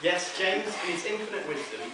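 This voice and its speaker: A man's voice: high voice, brisk. Best man, young, reading a wedding speech; distant, heavily reverberant, noisy recording. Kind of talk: wedding speech, read from notes. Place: inside a wedding venue, speaking to guests. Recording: roomy echoing, noisy, distant event recording.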